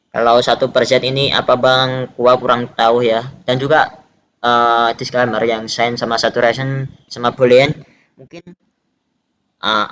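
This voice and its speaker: A man's voice: fairly low pitch, fairly bright tone, slight background noise. Young man explaining a circuit casually. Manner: informal, hesitant, many fillers and self-corrections. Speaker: student explaining a lab project.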